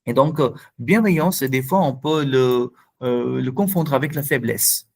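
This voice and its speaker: A man giving a language school talk on nonviolent communication, explaining slowly with many hesitations and fillers. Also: medium pitch. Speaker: French teacher.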